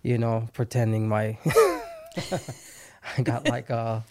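A man's voice: mid-range voice, monotone, slow, darkish tone, no echo, clean studio sound. A man in his thirties from Haiti, a guest chatting easily in an interview, laughing often and restarting his sentences. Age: 30s. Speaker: podcast guest. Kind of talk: casual interview chat.

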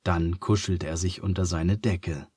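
A man tells a bedtime story in a slow, soothing way. His voice is low and breathy. The recording is close and dry. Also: fairly even intonation, a little mellow, no room sound.

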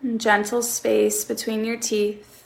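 A woman guiding a relaxation meditation, counting breaths slowly and leaving long pauses between short phrases. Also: a little high, little pitch movement, gravelly, poor audio.

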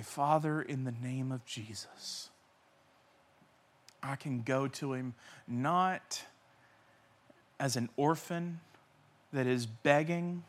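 A man pastor preaching a sermon with passion, swinging between loud cries and hushed near-whispers, repeating key phrases for emphasis. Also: a little high.

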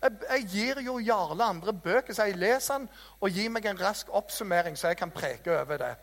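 Guy preaching a sermon, tells stories and pokes fun at himself, echoey church hall. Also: high voice. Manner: lively storytelling, self-mocking. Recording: reverberant hall.

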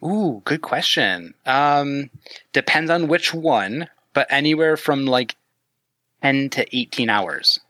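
A man's voice: medium pitch, lively intonation, takes it slowly, sharp tone, no echo. A Canadian man talking as a guest on a podcast, joking and chatty, often restarting his sentences. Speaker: guest, maker of 3D-printed retro decor. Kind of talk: casual podcast chat.

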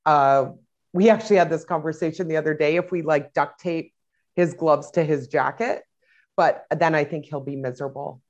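Woman, thirties, low-pitched, chatty interview guest, filler-heavy delivery, muffled lo-fi call audio. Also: normal speed, darkish tone. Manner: rambling, many fillers and restarts. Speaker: parent guest. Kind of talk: casual interview talk. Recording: dull lo-fi sound.

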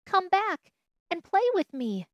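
A small, wistful toy rabbit from a storybook, put on by a woman reading aloud, speaks in a raised, childlike voice. He sounds earnest and plaintive, unhurried, each phrase carefully laid down, recorded close and dry. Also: high voice, very animated, no echo, highs cut off, voice pushed up. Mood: pleading.

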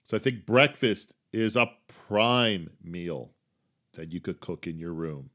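A man's voice: animated, takes it slowly. Chatty New Jersey man hosting a podcast. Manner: chatty, self-deprecating, jumps between loud emphasis and low asides. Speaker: podcast host. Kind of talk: casual solo podcast.

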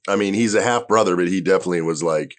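A man's voice: low-pitched, quick pace. A man in his forties, a stand-up comedian, chatting loosely and rambling with casual swearing. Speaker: stand-up comedian, podcast guest. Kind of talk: casual chat.

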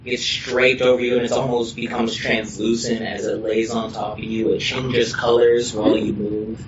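A man's voice: fairly low pitch, little pitch movement, normal speed, a loud crowd. A man narrating as game master in a playful, theatrical way. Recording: muffled distant mic, noisy echoey room.

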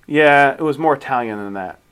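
A man's voice: medium pitch, a bit bright, smooth. A man co-hosting a podcast, chatting casually and often restarting his sentences. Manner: halting, restarts often, rates things plainly. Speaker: podcast co-host. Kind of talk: casual chat.

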